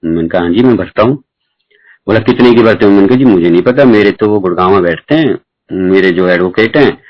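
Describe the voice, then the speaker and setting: A middle-aged man with a fairly low voice shares a personal devotional story in a chatty, storytelling way. He plays out both sides of each conversation as he goes. The recording is dull and lo-fi. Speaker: devotee sharing a testimony. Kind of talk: storytelling testimony at a satsang.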